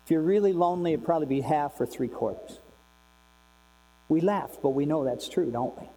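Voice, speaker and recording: A man preaching a sermon in a conversational way, with rhetorical questions, swinging between loud outbursts and hushed asides. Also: fairly high pitch, brisk. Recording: long reverb, faint mains hum.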